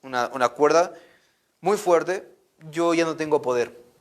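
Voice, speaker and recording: A man's voice: fairly high pitch, unhurried, natural voice. A man voicing a boastful biblical strongman in a story told to children. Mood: confiding.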